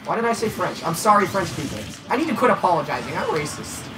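Brief: young male gamer, high lively voice, game music behind. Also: fast talker. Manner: excitable, ranting, joking. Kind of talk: casual gaming banter.

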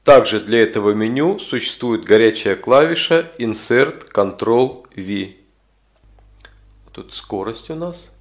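Low-voiced man giving a software tutorial. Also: animated, takes it slowly. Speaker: tutorial instructor. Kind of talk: informal spoken software walkthrough.

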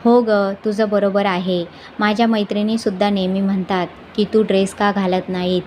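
A woman's voice: mid-range voice, flat delivery, moderate pace, darkish tone, a little hiss or hum, lightly acted. A woman voicing a tender older mother-in-law. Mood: agreeable.

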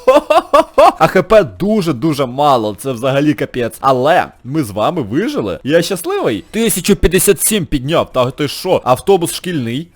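A man hosting a gaming channel, giving chatty let's-play commentary, excitable, laughing often and yelping in high squeals. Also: moderate pace, few pauses.

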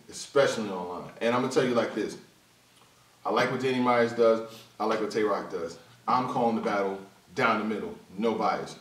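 A man talks through battle rap news in a loose, slangy vlog style, animated and quick to jump into high-pitched mimicry. His voice sits in an ordinary middle range. He is recorded from a distance in a roomy, echoing space. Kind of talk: casual commentary vlog.

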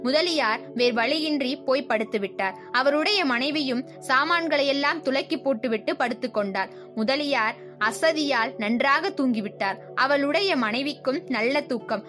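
Young woman narrator, high voice, steady storybook delivery over soft music. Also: normal speed. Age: young adult. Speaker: audiobook narrator.

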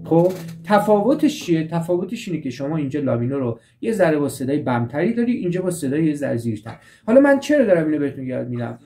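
A man's voice: on the high side, very animated, dark tone. A man teaching a guitar lesson, patiently walking through chord shapes and repeating each step. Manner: patient, repeats and restates steps. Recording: guitar playing behind the voice.

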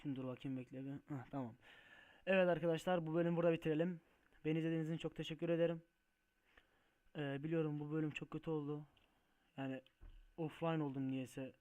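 Man, gameplay commentary, higher voice, excitable, mutters and swears at the game. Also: quick pace, long pauses. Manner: excitable, swears and shouts at mishaps; muttering to himself while driving. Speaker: gaming video host. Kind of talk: Let's Play commentary.

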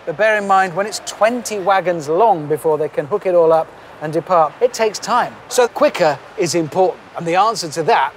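An English man in his forties presents on location, outdoors at a rail yard and inside a large factory hall, sounding enthusiastic, playful and easily excited. His voice sits high and he moves at a moderate pace with hardly any pauses. There is slight background noise.

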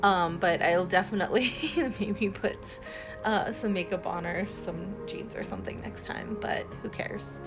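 Woman, young adult, casual vlog voiceover, rambling and chatty, mid pitch, music underneath. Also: a little slow. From San Antonio, Texas. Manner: rambling, chatty, many fillers and restarts. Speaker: cleaning vlogger.

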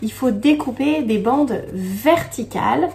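Woman, kindergarten teacher, high lively voice, slow sing-song delivery, stresses syllables. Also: gravelly. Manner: reads the poem slowly and gently. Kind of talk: teaching young children.

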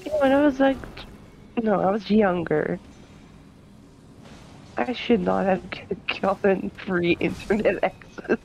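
A woman's voice: mid-range voice, takes it slowly, vocal fry, long pauses, a little mellow, slight background noise, low-quality recording. A woman chatting on a voice call, nosy and playful. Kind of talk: casual chat. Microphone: voice chat microphone.

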